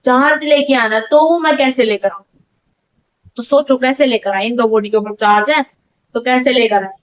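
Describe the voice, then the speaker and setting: A woman's voice: sits high, moderate pace. A woman teaching a physics lesson, who repeats key phrases and asks and answers her own questions. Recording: dull lo-fi sound.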